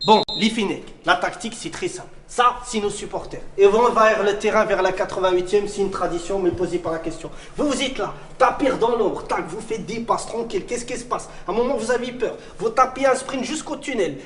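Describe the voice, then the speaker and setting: A man plays a coach in a comedy sketch, giving bossy, rapid-fire orders to his team. His voice is high-pitched, and faint noise runs under it.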